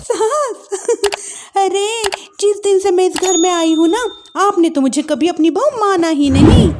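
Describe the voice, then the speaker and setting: Casting: young defiant wife, acted by a female narrator, very high, lively swoops, quick to answer back in domestic story. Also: slight background noise. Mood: indignant. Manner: indignant, sharp back-talk. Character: defiant, hot-tempered young daughter-in-law. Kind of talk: acted family-drama storytelling.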